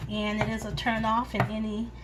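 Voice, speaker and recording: A home cooking channel host walks viewers through each step in her kitchen, chatting in a homely, casual way. Her voice sits in the mid-range and her delivery is completely flat, at a normal pace, in a very noisy recording.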